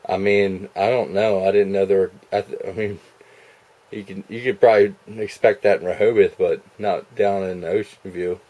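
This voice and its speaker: Young guy on a prank call, kinda low voice, stumbling along earnestly, webcam at home. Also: fairly even intonation, moderate pace, warm tone, poor audio. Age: young adult. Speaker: prank caller. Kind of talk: casual phone conversation. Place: small room indoors at home. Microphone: webcam at arm's length.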